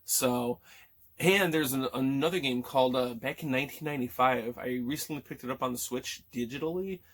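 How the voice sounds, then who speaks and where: A man's voice: medium pitch, a little fast, slight background noise. A man in his thirties chatting casually about games he picked up, rambling with many fillers and restarts and swearing freely, his voice still cracking after being sick. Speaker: gaming vlogger. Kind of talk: casual chat.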